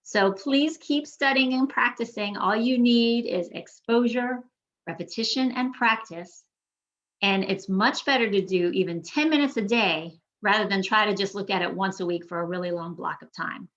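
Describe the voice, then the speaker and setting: A woman teaching a Spanish pronunciation lesson, speaking clearly and patiently and modeling each word slowly. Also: medium pitch, a bit bright, dull audio.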